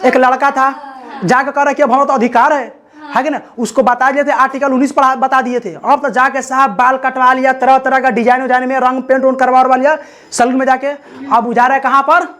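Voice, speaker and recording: A man's voice: very high-pitched, level tone, brisk, fairly bright tone. A man teaching a chemistry class, telling a joking story and asking his students over and over whether they understand. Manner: teasing, repeats checks for understanding. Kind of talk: classroom lecture.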